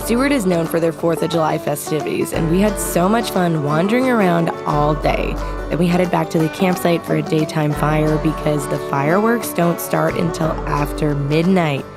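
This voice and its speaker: Low-voiced woman narrating over loud music. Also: moderate pace. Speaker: travel vlog host.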